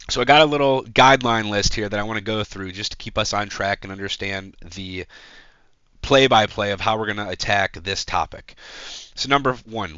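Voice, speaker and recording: Congested man explaining fasting to viewers. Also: fairly low pitch, sharp tone, smooth, dry recording, lo-fi sound. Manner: casual, direct explainer addressing viewers. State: congested from a cold. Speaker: fitness educator. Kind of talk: talking-head educational video.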